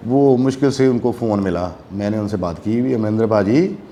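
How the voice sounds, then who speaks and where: A man's voice: fairly low pitch, normal speed, dull audio, a little hiss or hum. A young man telling a long story in a casual chat, acting out the voices of the people in it. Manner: animated, acts out voices in quotes. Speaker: guest musician.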